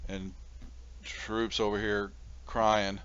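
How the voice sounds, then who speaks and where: A man runs a tabletop role-playing game. His voice is fairly low and bright, and he talks in a halting, informal way. The audio is muffled with faint noise. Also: little pitch movement. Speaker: game master. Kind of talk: casual tabletop game narration.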